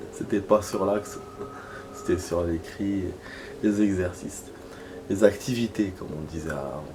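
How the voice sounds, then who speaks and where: Man, let's-play host, chatty and self-mocking, low voice, faint hiss. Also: measured pace, pauses often. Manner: joking, chatty, laughs at himself. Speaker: gaming let's-player. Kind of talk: casual gameplay commentary.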